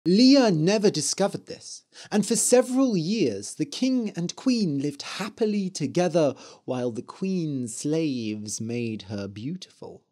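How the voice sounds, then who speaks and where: Man, storyteller, slow, deliberate, very lively intonation, clear reading for learners. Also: fairly high pitch. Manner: expressive, deliberate.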